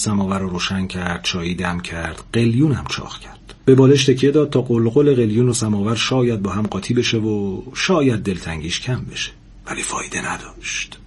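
A man calmly reading a story aloud in a measured, soft-spoken way. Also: on the low side, slightly rough. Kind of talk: scripted story narration.

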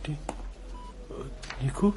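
An actor playing a young male nurse in a hospital drama, gentle with a child and then pleading. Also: a little hiss or hum, close to an everyday voice, low-quality recording. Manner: pleading, breaking into sobs. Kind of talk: TV drama acting. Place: hospital emergency ward set.

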